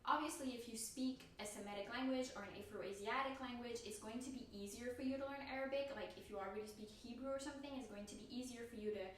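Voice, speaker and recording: A woman's voice: fairly high pitch, quick pace, few pauses, very echoey, far from the mic, slight background noise. A woman vlogger talking casually about learning to pronounce a language, laughing often and restarting her sentences; her first language is an Indo-European one. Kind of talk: casual talk to camera.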